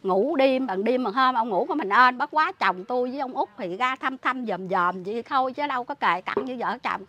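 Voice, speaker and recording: A woman's voice: on the high side, lively intonation, moderate pace, pushed and bright, dry recording. A woman with a Southern Vietnamese accent tells her account in a rush, indignant and full of restarts. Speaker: interviewee, relative caring for a sick man. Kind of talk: emotional spoken account.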